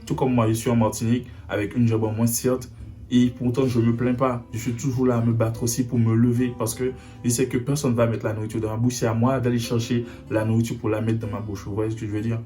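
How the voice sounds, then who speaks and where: A man's voice: mid-range voice, level tone, fast talker, mellow. A young man from Haiti speaking earnestly to camera in a personal video message, often repeating himself to drive his point home. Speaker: vlogger. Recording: faint guitar music behind.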